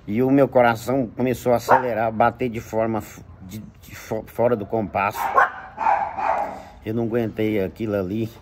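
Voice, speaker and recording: Low-voiced Brazilian man telling a testimony. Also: flat delivery, moderate pace, heavy background noise. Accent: Brazilian Portuguese. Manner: emotional, rises in pitch when retelling dialogue. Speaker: witness giving a religious testimony. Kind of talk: personal testimony storytelling.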